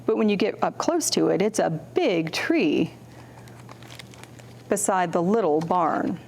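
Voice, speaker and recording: There's a little hiss or hum as a woman with a fairly low voice and vocal fry reads slowly at a children's storytime. As the librarian host, she reads picture books expressively, acting out contrasts with her voice and asking simple questions of her young listeners.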